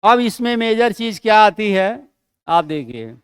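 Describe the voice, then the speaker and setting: A man teaching a classroom lesson, asking rhetorical questions and answering them himself, slowing down to stress key terms. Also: high-pitched, sing-song, clean tone, no echo, clean studio sound.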